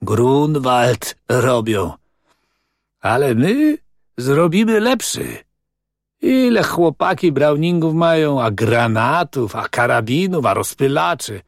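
A man's voice: medium pitch, expressive, slow pace, dry recording, clean studio sound. A man reading as a cocky, scornful young man who talks in a brash, dismissive way.

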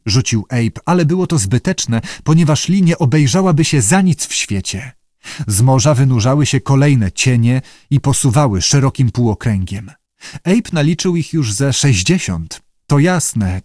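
Man narrating an audiobook, steady measured read, dry close sound. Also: mid-range voice, no echo. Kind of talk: scripted narration.

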